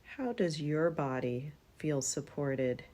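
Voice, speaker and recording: In a low, mellow voice, a woman guides a yoga nidra practice, speaking very slowly and soothingly with lively intonation. Long pauses separate her short phrases, like a guided meditation.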